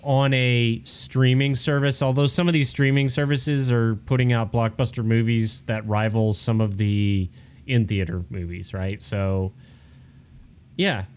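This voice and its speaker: A man co-hosting a casual chat show, animated and joking, with lots of fillers. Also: mid-range voice, unhurried, smooth. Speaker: podcast co-host.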